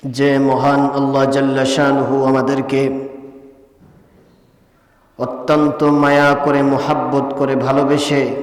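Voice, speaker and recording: A man opening a sermon in a mosque, reeling off honorifics and greetings in a rapid, fluent flow. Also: medium pitch. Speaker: preacher. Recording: echoey hall with faint music.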